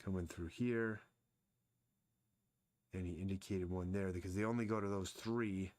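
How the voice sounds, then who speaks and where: A man's voice: sits low, steady tone, normal speed, a little mellow, no echo. A man casually thinking aloud as he sketches and explains anatomy during a live drawing stream. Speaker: artist streaming his drawing.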